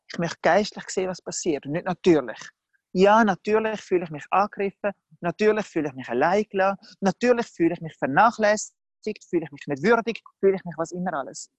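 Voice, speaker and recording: A preacher giving a sermon in a lively, conversational way, often acting out the people in the story. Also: mid-range voice, dry recording. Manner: lively, conversational, acts out the characters.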